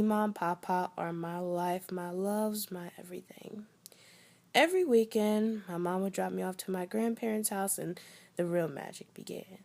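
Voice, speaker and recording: Young woman, mid-pitched, wry storyteller, dynamic: loud punchlines, whispered asides. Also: gravelly. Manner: wry, expressive, swings from loud bursts to near whispers. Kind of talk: performed personal storytelling.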